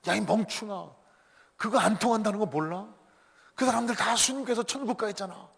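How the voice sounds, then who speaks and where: Preacher plays scornful chief devil, high and loud, church-hall echo. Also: male voice, a little fast, gravelly, husky, heavily acted. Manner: scornful, barking insults. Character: angry chief devil, scolding his minions.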